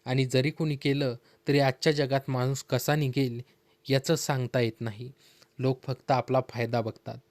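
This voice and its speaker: A man voicing a poor young widowed village woman with soft, resigned replies in a told story. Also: mid-range voice, flat delivery, moderate pace, natural voice.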